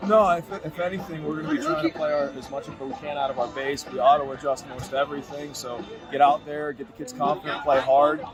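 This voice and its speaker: A man being interviewed as a high school football coach, answering in a quick, plain-spoken way with fillers. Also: fairly even intonation, over music.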